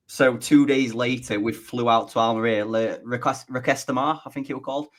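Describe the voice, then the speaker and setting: A man's voice: mid-range voice, steady tone, brisk. A man with a northern English accent co-hosting a football podcast, chatty and confident in his opinions. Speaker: podcast co-host. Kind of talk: casual football podcast chat.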